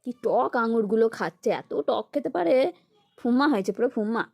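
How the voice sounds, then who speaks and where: A woman's voice: on the high side, quick pace, gravelly, darkish tone. A mother filming a casual family vlog at home on a phone, coaxing her toddler in a sing-song way and chatting to viewers.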